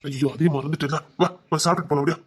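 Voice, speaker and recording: A man's voice: on the high side, steady tone, racing, breathy edge. A soothing, caring father. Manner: soothing, coaxing, repeats himself. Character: caring middle-aged father comforting his daughter. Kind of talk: TV serial drama.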